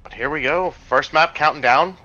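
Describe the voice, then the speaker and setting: Guy casting a game online, rambly and jokey, lots of ums, sharp bright voice. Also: on the high side, moderate pace, lo-fi sound, faint music behind. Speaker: esports caster. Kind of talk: play-by-play commentary.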